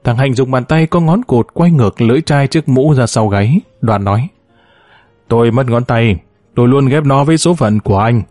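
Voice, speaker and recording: A man calmly reading a first-person story aloud, voicing every character in his own even tone. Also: medium pitch, moderate pace, no room sound, soft background music. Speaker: audiobook narrator.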